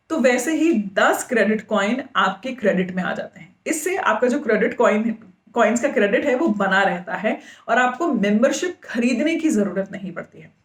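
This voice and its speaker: A woman with a slightly high voice hosts a podcast and gives advice in a casual way. She explains each point step by step and spells names out letter by letter. Her voice rings in an echoey room. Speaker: podcast host.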